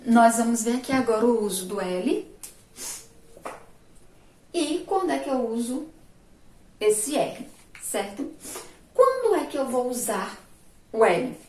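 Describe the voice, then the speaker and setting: A fairly high-voiced Brazilian woman teaching young children over a remote class, recorded from across an echoey room. She speaks patiently and draws words out slowly, syllable by syllable. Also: big pitch swings, darkish tone, recorded from a distance, a little hiss or hum. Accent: Sergipe Brazilian Portuguese. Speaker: primary school teacher. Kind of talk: remote class lesson at a board.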